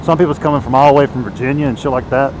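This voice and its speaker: A man with a mid-pitched voice talks in a loose, conversational motovlog style. He is recorded inside a helmet while riding, with clear vehicle noise around his words. His delivery is laid-back and rambling. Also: steady tone, racing. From United States. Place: outdoors, riding a motorcycle on the road. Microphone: inside a motorcycle helmet. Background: engine and road noise.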